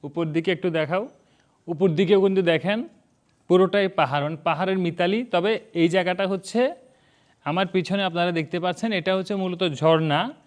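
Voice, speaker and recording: A man's voice: sits high, normal speed. Male tour vlogger, raised voice with an echo off the surrounding hills. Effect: voice echoing off hills on both sides. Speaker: travel vlogger. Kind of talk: guided tour narration to viewers. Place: outdoors in a ravine between hills.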